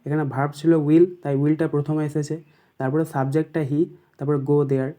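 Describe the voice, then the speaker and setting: Man, West Bengal accent, teacher, slow deliberate reading, dark mellow tone. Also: fairly high pitch, level tone. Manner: reads English questions very slowly, explains quickly in Bengali. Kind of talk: exam paper walkthrough lesson.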